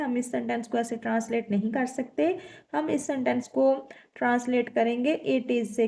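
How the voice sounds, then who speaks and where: A woman teaching a language lesson, explaining sentences and reading example phrases slowly and deliberately. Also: high voice, mellow. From South Asia. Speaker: English teacher.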